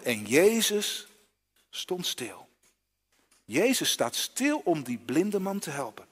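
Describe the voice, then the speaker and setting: A man gives a children's sermon in a church and keeps asking the young listeners questions. His fairly high voice rises and falls in a lively way. A long reverb trails after his words. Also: breathy edge. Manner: asks the listeners questions directly. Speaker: preacher.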